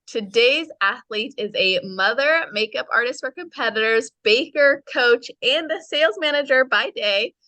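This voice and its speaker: A woman's voice: fairly high pitch, lively intonation, normal speed, few pauses, bright, forceful tone, no echo. A woman hosting a podcast, reading an upbeat intro and then chatting with her guest. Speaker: podcast host. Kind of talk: podcast interview.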